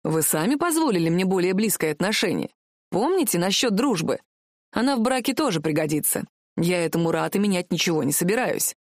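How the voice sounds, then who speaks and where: Brief: woman reader as a young prince, unruffled and teasing, set a bit lower, dry sound. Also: a little fast, no room sound. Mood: calm. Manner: calm, self-assured, mocking. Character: teasing, stubborn young male prince in love. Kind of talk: audiobook character voice.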